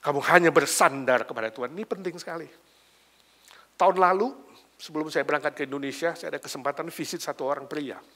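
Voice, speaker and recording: An older male pastor preaching a sermon, telling a story and swinging between loud emphatic lines and hushed, almost whispered ones. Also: fairly high pitch, quick pace.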